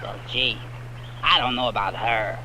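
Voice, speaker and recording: An actor playing a goofy, excitable, scheming sidekick in an old comedy film, with an American accent. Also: male voice, medium pitch, a little slow. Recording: noisy old film soundtrack.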